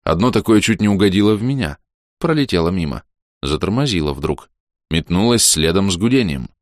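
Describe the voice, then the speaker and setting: A man reading a first-person audiobook in a lively, ironic manner. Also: deep voice, fairly quick, dry recording, clean studio sound. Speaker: audiobook narrator.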